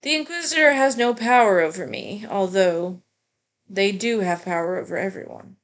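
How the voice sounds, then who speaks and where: A woman's voice: mid-range voice, moderate pace, lightly acted. A woman reading aloud the lines of a proud, cornered male scientist in a video game, in a dramatic, declamatory way. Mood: grim.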